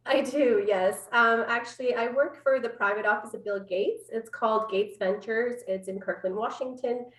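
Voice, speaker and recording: Her voice sits on the high side, steady in tone and a bit bright, at a normal speed. She is a public health scientist in her thirties with a Canadian accent, originally born in Afghanistan, chatting about her work as an interview guest on a video call from home, where the distant mic sounds roomy.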